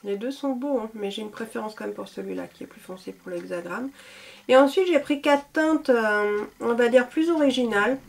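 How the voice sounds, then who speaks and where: Beauty vlogger, woman, casual and enthusiastic, voice sits a bit high. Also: moderate pace, gravelly. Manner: chatty, enthusiastic, many fillers. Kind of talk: casual product showcase.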